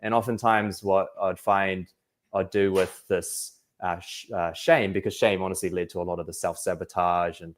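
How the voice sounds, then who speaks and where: A man's voice: sits low, fairly even intonation, moderate pace, a little hiss or hum. A young man from New Zealand, an anxiety coach talking reflectively in a casual podcast interview, with many fillers.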